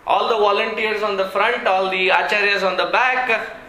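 A man with a South Indian accent telling an anecdote to an audience in an expressive, amused way with deliberate pauses. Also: high voice. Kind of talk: animated storytelling talk. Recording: roomy echo, faint background noise.

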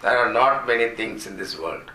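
A man's voice: mid-range voice, lively intonation, normal speed, pushed and bright. A man with an Indian accent giving an explanatory Vedanta discourse as a spiritual teacher, repeating and glossing Sanskrit terms. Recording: roomy echo, faint background noise.

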